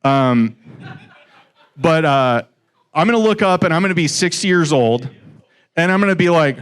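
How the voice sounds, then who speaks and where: A man in his forties is a guest speaker at an investor meetup, giving an informal, chatty talk to a live audience in a room. His fairly high voice is expressive, clear, and resonant at a moderate pace, and he jokes and teases listeners in asides.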